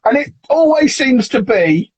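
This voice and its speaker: A man's voice: extremely high pitch, very animated, a little slow, a crowd in the background, rough recording. A man hosting a casual chat, teasing his guest and laughing often. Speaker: host, team manager.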